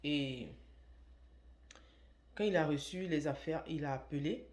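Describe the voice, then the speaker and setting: A woman's voice: deep voice, measured pace, darkish tone. A woman who runs an online shop, telling a story in a casual, emphatic way and repeating words for stress. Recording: echoey room.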